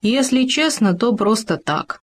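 A woman's voice: on the high side, lively intonation, measured pace, pitched above the performer's own voice. A woman voicing a young male gopher in a storybook, who is doubtful and easily offended. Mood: tentative. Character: young male gopher, anxious and quick to anger.

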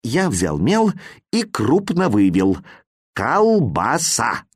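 A man reading a children's story aloud in an expressive, playful storytelling manner. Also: medium pitch, normal speed, husky, no echo, clean studio sound. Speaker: audiobook reader.

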